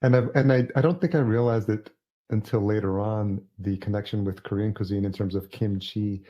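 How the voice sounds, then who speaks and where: A man's voice: fairly low pitch, fairly even intonation, fairly quick. A male podcast host talking casually and hesitantly, with plenty of fillers. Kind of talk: casual interview chat. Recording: dull lo-fi audio.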